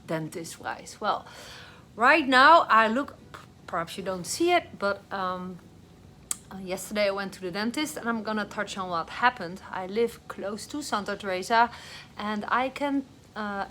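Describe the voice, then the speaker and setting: A woman's voice: medium pitch, pushed and bright, slight background noise. Groggy woman chatting on a live stream. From Netherlands. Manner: chatty, rambling, with many fillers. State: groggy on painkillers after dental work. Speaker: vlogger and online business coach. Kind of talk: casual live-stream talk. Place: home, with dogs nearby.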